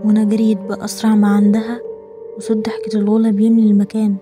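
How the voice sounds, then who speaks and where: A woman with an Egyptian Arabic accent narrating a scripted horror story in a brisk, dramatic way. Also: medium pitch, completely flat delivery. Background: background music.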